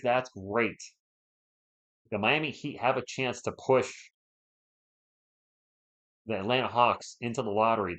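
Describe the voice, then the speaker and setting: A hoarse man with a medium-pitched, slightly bright voice is calling a game live as a play-by-play streamer. He has a sore throat and is losing his voice, keeping things casual and chatty as he reads and answers viewer chat between plays. The audio is dull, lo-fi stream sound.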